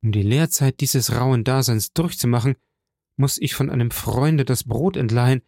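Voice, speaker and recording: A man's voice: mid-range voice, moderate pace, gravelly, mellow, no echo, studio quality. A man voicing a proud, resolute young male aristocrat in an audiobook.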